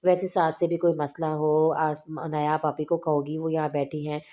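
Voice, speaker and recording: A woman's voice: deep voice, level tone, normal speed, dark tone, natural voice. A woman voicing a caring elder sister-in-law who speaks in a reassuring, protective way. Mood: tender.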